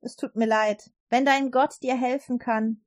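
A woman's voice: a little high, fairly even intonation, a little slow, close to an everyday voice. Woman putting on King Darius, a proud old king. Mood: sorrowful. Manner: boastful, then dismayed. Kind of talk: storybook read-aloud.

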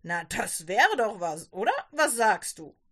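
A woman voicing a stern middle-aged merchant father who gets angry and scolds loudly. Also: mid-range voice, sing-song, a little slow, exaggerated voice. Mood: jovial. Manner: loud, scolding, dismissive.

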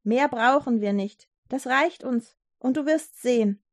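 Woman voicing a gentle young man, reassuring, soft, storybook, dry close sound. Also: fairly high pitch, a little slow, no room sound, close to an everyday voice. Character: calm faithful young man.

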